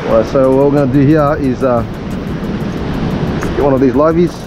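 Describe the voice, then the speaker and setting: A man's voice: mid-range voice, a little fast, music in the background, poor audio. A man in his thirties with an Australian accent, chatting casually to an action camera while fishing from coastal rocks. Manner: laid-back, says "bro" and "man". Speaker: fishing vlogger. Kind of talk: casual outdoor commentary. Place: coastal rock ledge outdoors by crashing surf. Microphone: action camera, head or chest mounted. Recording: outdoor camera audio with loud wind and surf. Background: waves and wind.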